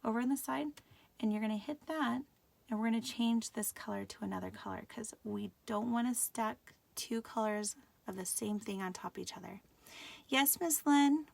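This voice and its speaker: A woman's voice: fairly high pitch, moderate pace, creaky, dry recording. A middle-aged woman teaching a live craft tutorial, patient and often checking that viewers can follow.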